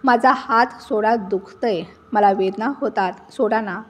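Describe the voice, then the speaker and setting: A woman's voice: medium pitch, measured pace, natural voice. A woman voicing a frightened young daughter-in-law who pleads tearfully in a told story. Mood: pleading.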